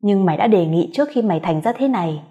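Woman reader as bitter grieving wife, cold contempt, warm low tone. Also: expressive, fast talker, lo-fi sound, lightly acted. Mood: cold hatred. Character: bitter vengeful wife grieving her son.

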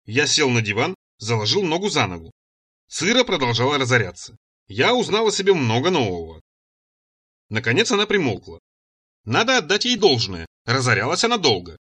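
Husky, bright male audiobook narrator. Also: mid-range voice, huge pitch swings, brisk. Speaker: audiobook reader. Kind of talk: first-person audiobook narration.

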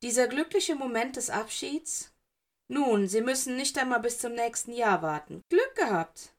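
Bitter teenage boy, shrill and mocking, read by a woman narrator. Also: lively intonation, moderate pace. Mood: mocking defiant.

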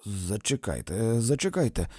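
A man's voice: on the low side, big pitch swings, normal speed, warm tone, husky, no echo, studio quality. A man doing a desperate, pleading young man. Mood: bewildered pleading.

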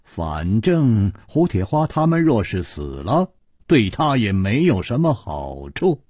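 A man voicing a calm, clever male swordsman who speaks low and quiet. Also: takes it slowly, husky, no room sound, clean studio sound, heavily acted.

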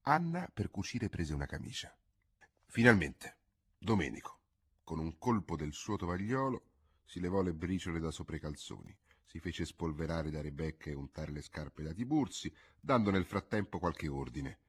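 A man narrating a classic novel as an audiobook, measured and expressive. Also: low voice, husky. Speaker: audiobook reader.

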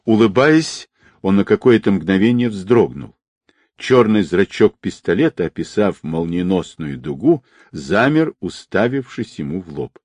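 Deep-voiced man narrating an audiobook. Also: very animated, unhurried, a little mellow, dry recording.

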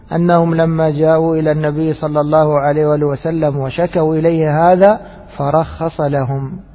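A man giving a religious jurisprudence lesson, repeating key phrases and asking the class rhetorical questions. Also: on the high side. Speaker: Islamic jurisprudence teacher. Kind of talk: religious lecture. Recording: tinny phone-like lecture recording with long reverb.

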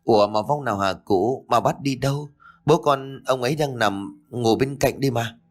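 A man's voice: medium pitch, moderate pace, soft background music, close to an everyday voice. A man voicing a timid, easily frightened young son who stammers out his fears in an audiobook ghost story. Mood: anxious. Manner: stammering and fearful.

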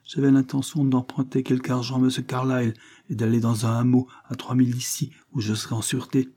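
A man's voice: mid-range voice, monotone, fast, mellow, voice pushed up, natural voice. A man reading aloud voices a frightened young man on the run, pleading desperately.

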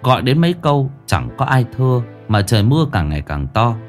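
A man's voice: medium pitch, big pitch swings, fairly quick. A man narrating a ghost story expressively, acting out every voice. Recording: faint background music.

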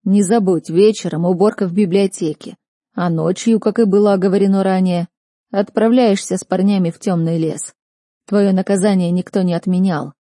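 A woman's voice: medium pitch, steady tone, moderate pace, mellow, dry recording, clean studio sound, close to an everyday voice. A woman reading an audiobook, voicing a stern, furious male academy rector who barks and scolds. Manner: barking, scolding.

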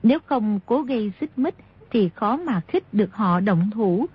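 A woman narrating a martial-arts novel in a steady storytelling voice. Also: medium pitch, a little slow, husky. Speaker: audiobook narrator. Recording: dull lo-fi audio.

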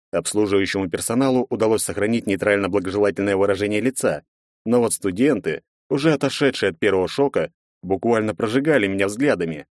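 A man narrating a fantasy audiobook in the first person, measured and reflective. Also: on the low side, dry recording, clean studio sound.

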